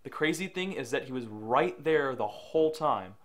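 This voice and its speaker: A young man playing a troubled young man who narrates quietly and with regret, and who snaps back in family arguments. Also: medium pitch, animated, normal speed, close to an everyday voice. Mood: regretful. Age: young adult. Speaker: lead actor and narrator. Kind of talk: reflective voice-over narration and dialogue.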